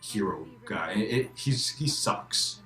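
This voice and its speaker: A man's voice: on the low side, animated, slow, bright, forceful tone, echoey room, faint music behind. A man who is a guest in a casual game discussion, repeating words as he restarts and swearing emphatically.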